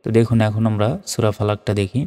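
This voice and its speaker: A man teaching Quran recitation letter by letter, moving between slow chanted recitation and plain spoken explanation. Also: fairly low pitch, completely flat delivery, mellow. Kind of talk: spelled-out recitation lesson. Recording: long reverb.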